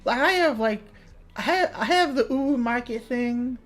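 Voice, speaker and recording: A woman's voice: a little high, animated, a little slow. A young woman VTuber chatting casually on a livestream, reading chat and swearing freely, with light music behind. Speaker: VTuber streamer.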